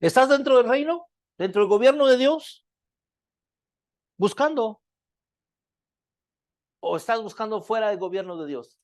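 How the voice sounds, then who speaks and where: A preacher in full sermon mode, pelting the congregation with rhetorical questions and checking in with a steady "right?". The voice sits at a middling pitch and swings between strong lines and hushed, drawn-out ones. It is recorded close and dry, with no room sound around it. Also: no room sound. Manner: checks in with repeated "¿verdad?"; loudness swings widely, dropping to hushed lines.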